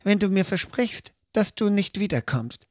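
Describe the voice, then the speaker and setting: A man's voice: sits high, normal speed, no room sound, studio quality, pitched above the performer's own voice. A man voicing a cool, detached adventurer woman. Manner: calm, detached.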